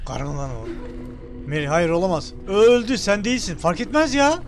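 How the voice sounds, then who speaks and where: A man's voice: sits high, lively intonation, moderate pace. A man streaming a video game, commenting casually, swearing and talking back to what happens on screen. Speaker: gameplay streamer. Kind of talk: casual let's-play commentary. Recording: loud game music behind the voice. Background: game music.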